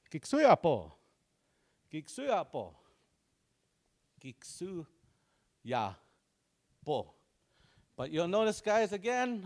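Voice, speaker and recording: With a slightly high voice, a man teaches a language class online. He keeps drilling the same words in a laid-back way and laughs a lot.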